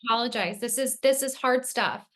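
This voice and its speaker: A woman's voice: on the high side, steady tone, moderate pace, fairly bright tone. A woman hosting an interview, comforting her guest in a reassuring way. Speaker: interview host. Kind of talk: sit-down interview.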